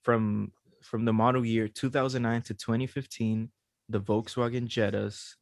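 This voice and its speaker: A man's voice: medium pitch, level tone, normal speed, gravelly, dry recording, clean studio sound. A man hosting a casual podcast chat, loose and swearing, laughing as he explains. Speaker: podcast host.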